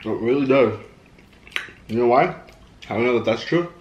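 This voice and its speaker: A man's voice: mid-range voice, lively intonation, moderate pace, muffled recording. A man vlogging to camera while eating, talking casually with his mouth full of wing. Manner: chatty, self-mocking. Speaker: mukbang vlogger. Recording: echoey room with faint ambient noise.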